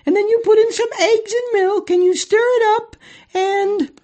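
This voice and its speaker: A man doing a shrill cookie-lecturing lady. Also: fairly even intonation, moderate pace, a little mellow. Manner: lecturing, sing-song. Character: prim woman cooking lecturer, gullible. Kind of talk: audiobook memoir reading.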